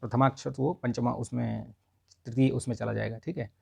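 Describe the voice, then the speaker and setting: Guy going over exam answers, gravelly dark voice, dry sound. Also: mid-range voice, fairly even intonation, moderate pace, no room sound. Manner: explains answer by answer, says 'ठीक है' often. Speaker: Hindi exam tutor. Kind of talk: casual spoken lesson.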